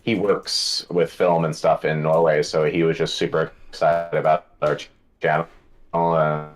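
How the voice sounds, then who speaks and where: A man from Colorado talks as a guest brewer, relaxed and explanatory. His voice sits low. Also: unhurried. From Colorado, USA. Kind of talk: casual chat.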